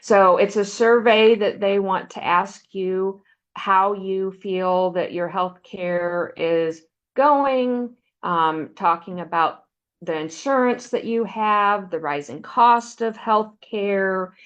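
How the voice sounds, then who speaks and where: A woman presenting a benefits counseling webinar, walking listeners through slides in a steady, explanatory way. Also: mid-range voice, takes it slowly, dull audio. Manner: explanatory, steady, uses "um" fillers.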